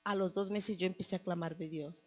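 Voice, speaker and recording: A woman's voice: on the low side, steady tone, a little fast. A woman, mother of a son, giving a personal testimony at a church service in an earnest storytelling manner, often repeating her phrases. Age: adult, mother of a son.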